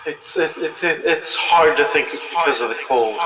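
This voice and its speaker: A man as game master voicing a lost, freezing ghost that calls through a tube. He speaks in a halting, confused stammer, and a digital echo effect sits on the voice. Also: on the high side, fairly bright tone, recorded from a distance, pitched above the performer's own voice. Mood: frightened, confused.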